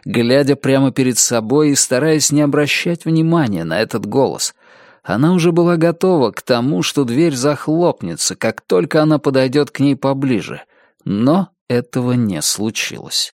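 A man reading a novel aloud as an audiobook narrator, in a measured, deliberate way. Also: medium pitch, animated, no echo, studio quality. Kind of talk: scripted narration.

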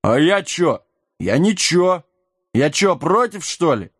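Male reader as a dim, hoarse, hollow-voiced giant; loutish, touchy, jumpy in pitch. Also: very animated, takes it slowly, no room sound, clean studio sound, exaggerated voice. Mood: brash, touchy. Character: huge dim-witted brash male giant.

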